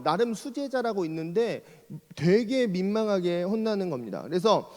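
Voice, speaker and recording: A male pastor giving a conversational sermon in a church, telling stories in a lively way and acting out the lines he quotes. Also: sits high. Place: church sanctuary. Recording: long hall reverb.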